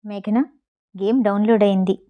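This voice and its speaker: A woman voicing a soft-spoken young man. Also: sits high, little pitch movement, normal speed, muffled recording, pitched below the performer's own voice, lightly acted. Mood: gentle. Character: young man, gentle and teasing suitor.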